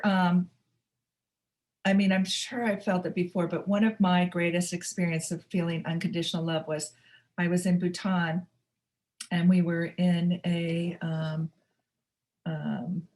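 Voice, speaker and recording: A middle-aged woman hosting a spiritual webinar, talking unscripted in a soft, halting way with many fillers and restarts. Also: lowish voice. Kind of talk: unscripted teaching talk. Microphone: webinar microphone.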